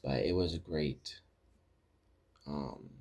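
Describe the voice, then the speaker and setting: Very deep-voiced man casually recapping TV. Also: slow pace, a little mellow. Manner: rambling retelling with many restarts and quoted lines. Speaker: podcast host recapping TV episodes.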